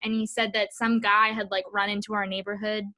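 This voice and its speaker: A young adult woman, co-hosting a podcast, chats her way through stories, animatedly voicing dialogue and saying "like" a lot. Her medium-pitched voice barely rises or falls, and it's brisk with a sharp edge.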